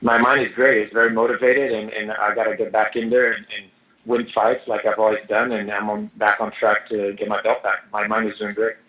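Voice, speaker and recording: A man's voice: fairly low pitch, little pitch movement, brisk, pushed and bright, muffled recording. A man interpreting answers in the first person on a press conference call, heard over a speakerphone line.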